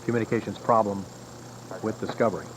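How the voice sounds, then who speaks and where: Low-voiced man, noisy launch commentary. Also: steady tone, fast talker. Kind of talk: live countdown commentary. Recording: noisy archival broadcast audio.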